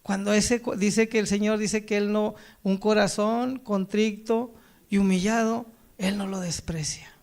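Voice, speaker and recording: A man's voice: sits high, steady tone. A man preaching a sermon, reading scripture aloud and then talking it over, often calling his listeners brother and asking "right?". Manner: addresses listeners as brother, tags lines with a questioning "right?"; reads quoted lines slowly and loudly, then drops to a soft, quiet tone.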